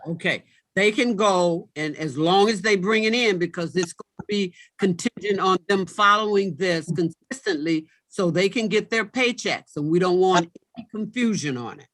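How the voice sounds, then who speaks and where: A woman's voice: lowish voice, normal speed, fairly bright tone, dry recording, low-quality recording. A woman speaking as a village manager, explaining things informally and emphatically at a public meeting, often repeating herself.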